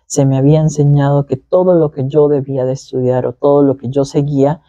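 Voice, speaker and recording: A man's voice: mid-range voice, little pitch movement, a little fast, dark tone, no room sound, lo-fi sound. A young man, a pastor, telling his story in an interview in an earnest, reflective way with many fillers and tag questions. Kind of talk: conversational testimony.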